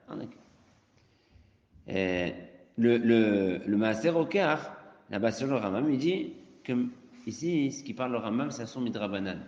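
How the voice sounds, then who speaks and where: A man's voice: mid-range voice, a little mellow. Male rabbi teaching an informal class, repetitive and emphatic, recorded with long hall reverb. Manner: informal, repeats key points, rises to emphatic bursts. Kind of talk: informal Talmud lesson. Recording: echoey hall, dull lo-fi sound.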